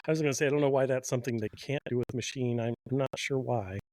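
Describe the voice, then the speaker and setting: A middle-aged man co-hosting a casual podcast chat, speaking in a measured way and asking plain questions. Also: medium pitch, a little mellow, no echo. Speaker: podcast co-host.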